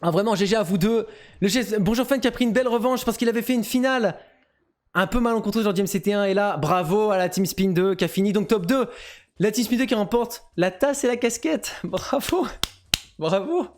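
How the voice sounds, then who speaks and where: A man hosting a live stream, giving excitable commentary on a race and chatting to his viewers. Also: high voice. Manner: excitable, quick swings between hype and asides to chat. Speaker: host of a live-streamed marble race tournament.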